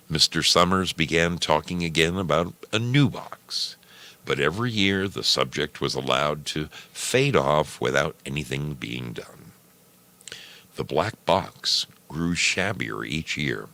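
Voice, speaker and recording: The narrator, a man who hosts a program and tells stories, reads a short story from a script with deliberate, measured phrasing. His extremely deep voice sounds creaky and gravelly, and his intonation is lively and swinging.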